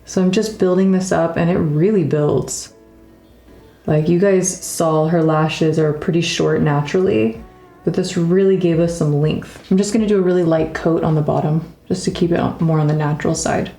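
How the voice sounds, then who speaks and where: A woman makeup artist narrating a tutorial in a calm, instructive way, with playful teasing. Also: fairly low pitch, normal speed, gravelly, soft background music.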